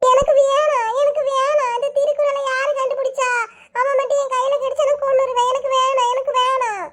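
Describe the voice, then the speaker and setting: A woman's voice: very high voice, fairly even intonation, a little fast, pushed and bright. A wailing little cartoon boy. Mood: crying tantrum. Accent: Kanyakumari Tamil. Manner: wailing, whiny, defiant. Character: small crying stubborn schoolboy. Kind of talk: cartoon voice acting.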